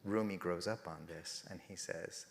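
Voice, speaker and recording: Speaking at a faith festival, a middle-aged man from Iran, a native Persian speaker, tells stories earnestly and builds emphasis as he reflects. His low voice has vocal fry and fairly even intonation, his pace is moderate, and a long reverb tail follows his words.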